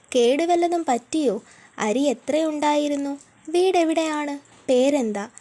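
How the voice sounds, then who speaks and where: High-voiced woman narrating a novel. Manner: steady storytelling. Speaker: audiobook narrator. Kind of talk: scripted narration.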